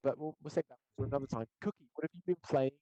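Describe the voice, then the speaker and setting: A man chatting casually as co-host of a gaming stream, his online audio choppy, warbling and cutting out, delivered dry and offhand with pauses. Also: mid-range voice, dark tone, no echo, lo-fi sound. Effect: choppy online audio that keeps cutting out and warbling.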